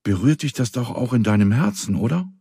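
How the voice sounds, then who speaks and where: A man voicing a kind, lively little girl in a children's story, speaking earnestly and coaxingly. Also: mid-range voice, fairly quick, creaky, breathy edge, dry recording, clean studio sound, voice pushed up, exaggerated voice. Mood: gentle.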